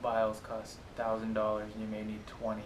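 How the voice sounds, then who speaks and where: A man's voice: monotone, moderate pace. A man in his twenties giving short, laid-back answers during a casual Q&A chat. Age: 20s. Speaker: co-host of a pet vlog. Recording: echoey room with noisy rumble.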